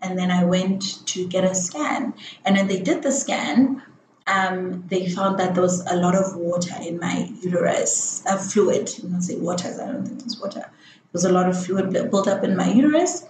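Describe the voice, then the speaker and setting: A woman's voice: lowish voice, normal speed, noisy background. A young woman telling a personal story frankly and candidly, rambling with many fillers and self-corrections. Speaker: vlogger. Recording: roomy echo, faint ambience.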